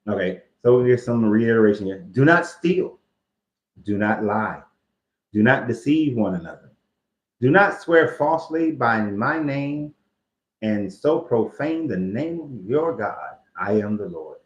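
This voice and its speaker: A man's voice: medium pitch, expressive, unhurried. A man hosting a casual commentary on scripture, loose and joking, with slang and cursing. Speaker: host. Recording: echoey, dull lo-fi room sound.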